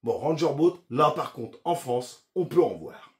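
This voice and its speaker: A man's voice: mid-range voice, expressive, a little slow. A man hosting a casual fishing vlog, talking straight to the viewer in a chatty, slangy way with restarts and asides. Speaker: fishing YouTuber.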